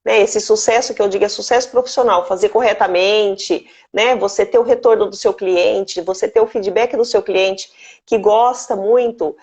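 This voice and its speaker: A woman's voice: medium pitch, steady tone, normal speed, a little mellow. A Brazilian woman hosting a live stream. She speaks earnestly and breaks off her stories to greet viewers by name. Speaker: host.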